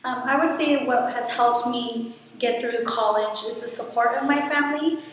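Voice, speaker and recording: A woman's voice: a little high, fairly even intonation, normal speed, recorded from a distance. A young woman student gives an earnest, encouraging testimonial to a laptop webcam in a small room. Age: young adult. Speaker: first-generation college student. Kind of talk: short testimonial to camera. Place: small dorm room, indoors. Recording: echoey room, from the mic, faint hiss.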